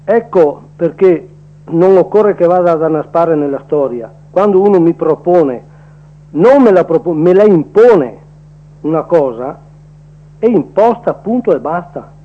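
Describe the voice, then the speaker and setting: A male caller is heard over the phone, his fairly high voice muffled by the line. He speaks plainly and earnestly. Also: lively intonation, measured pace. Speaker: radio call-in caller. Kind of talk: casual opinion on air.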